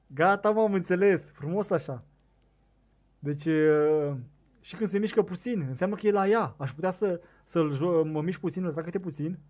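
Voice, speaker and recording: A young man with a Romanian accent giving casual commentary on a fishing game, excitable and talking to his viewers, on a desk microphone set too loud. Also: sits high. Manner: excitable, shouts bursts at the game, talks to viewers. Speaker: gaming streamer.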